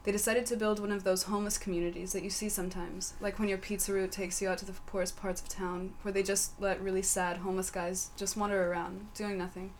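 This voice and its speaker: A woman reading a comic fantasy story aloud in a matter-of-fact, deadpan way. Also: medium pitch, quick pace, few pauses, a little hiss or hum. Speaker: story reader.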